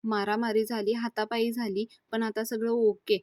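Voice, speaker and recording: A woman's voice: fairly high pitch, flat delivery, normal speed, darkish tone, no room sound, close to an everyday voice. A woman voicing a scheming young man who fakes hurt feelings, in a sly, wheedling way.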